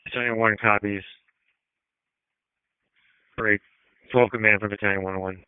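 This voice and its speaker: A man working as a fire incident commander, giving brisk, procedural commands over a two-way radio. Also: fairly low pitch, steady tone, smooth, no room sound. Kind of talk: fire radio dispatch traffic, clipped commands. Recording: narrow-band two-way radio transmission.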